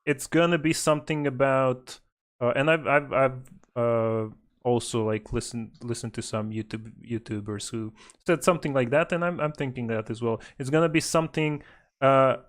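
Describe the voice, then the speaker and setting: Podcast co-host, man, mid-pitched, rambling and hesitant, lots of fillers and laughs. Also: normal speed. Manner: laughs often, animated when mimicking quotes. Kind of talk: casual chat.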